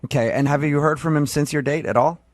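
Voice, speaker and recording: A man's voice: fairly high pitch, fairly even intonation, quick pace, dry recording, studio quality. An American man hosting a morning radio show, bantering casually with callers in a mock-earnest, teasing way.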